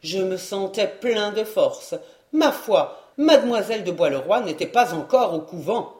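A man reading a classic novel aloud as an audiobook, in measured storytelling. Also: sits high, lively intonation. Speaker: audiobook reader. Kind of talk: audiobook narration. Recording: roomy echo.

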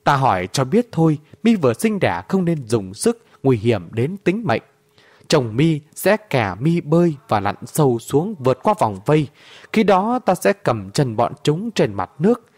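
A man reading a story aloud, voicing a fierce, bitter old woman warrior who barks orders gruffly. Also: on the high side, sing-song, a little slow, a little mellow, no echo. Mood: gruff commanding. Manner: gruff, bossy, barking orders.

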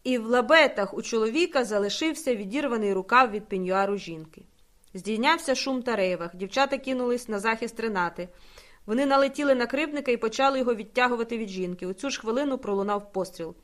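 Woman narrating a dark story. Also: a little high, fast. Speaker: audiobook narrator. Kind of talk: scripted narration.

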